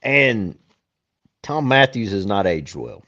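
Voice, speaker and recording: A man's voice: on the low side, takes it slowly. Profane man telling stories. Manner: profane, animated storyteller. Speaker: podcast co-host. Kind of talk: casual storytelling chat. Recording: dull lo-fi sound.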